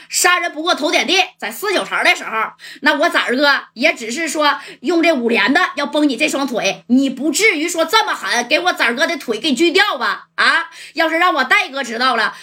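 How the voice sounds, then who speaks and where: A woman's voice: high-pitched, lively intonation, a little fast, hardly any pauses, bright, forceful tone, voice pushed up. A woman voicing a young male gang member who pleads earnestly. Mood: pleading.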